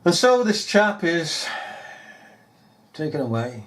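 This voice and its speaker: Man, sarcastic commentator, high voice, unhurried mocking delivery. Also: sing-song, slight background noise. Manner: sarcastic, mocking, often laughing. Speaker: video commentator. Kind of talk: casual commentary over news footage.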